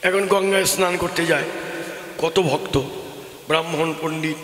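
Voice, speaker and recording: A high-pitched man with a bright, ringing voice preaches a devotional sermon. His telling is emphatic and sing-song, swelling and dropping as he goes. The sound carries a long echo, as if it were booming through a loudspeaker across a big hall. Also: fairly even intonation, moderate pace. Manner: emphatic, sing-song, rising and falling delivery. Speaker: kirtan preacher. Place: open-air gathering with loudspeakers. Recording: echoey hall from a PA system.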